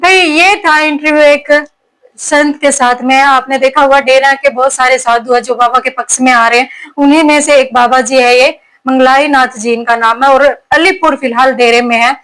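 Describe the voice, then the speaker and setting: Woman news interviewer, high voice, direct and probing. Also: steady tone, moderate pace, fairly bright tone, clean tone, low-quality recording. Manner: probing questions, direct sign-off to viewers.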